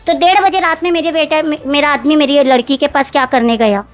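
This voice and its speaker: A woman speaking gives a long account in an interview. Her voice sits high, and she circles back, repeats herself and quotes others word for word. Faint music plays behind her. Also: fairly even intonation, a little fast, muffled recording. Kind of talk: recounting events in an interview.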